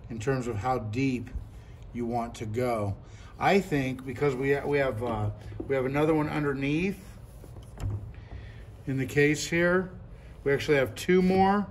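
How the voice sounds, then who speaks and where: This man in his fifties reviews a product at a classroom table, walking through every step casually and saying things more than once. He speaks in a mid-range voice with fairly level intonation, a little slowly and with long pauses, over a slight hiss or hum.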